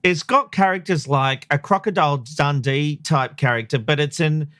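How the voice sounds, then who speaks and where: A woman's voice: deep voice, moderate pace, a bit bright, dry recording, studio quality. A woman hosting a talk show who questions her guest in a friendly, teasing way. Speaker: host. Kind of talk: casual chat.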